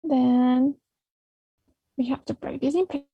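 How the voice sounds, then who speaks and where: Woman teacher on a video call with a bad connection, choppy audio, high voice, unhurried. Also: steady tone, lo-fi sound. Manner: slow, coaxing classroom prompts. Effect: choppy audio from a bad internet connection. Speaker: English teacher. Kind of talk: online class instruction.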